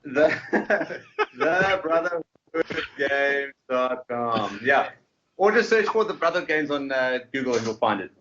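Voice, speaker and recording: A man's voice: mid-range voice, animated, unhurried, background noise. A man speaking casually as an interview guest, easygoing and hesitant in his phrasing. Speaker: podcast guest, game developer. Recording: dull, lo-fi online call.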